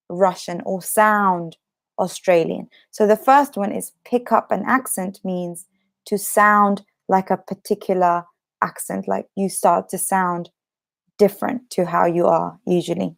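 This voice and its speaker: A British woman in her twenties or thirties is teaching an English lesson live, her mid-range voice gravelly and touched by a slight cough. She talks in a chatty way, explaining slowly, going over her points again and again, and plugging gaps with lots of "um."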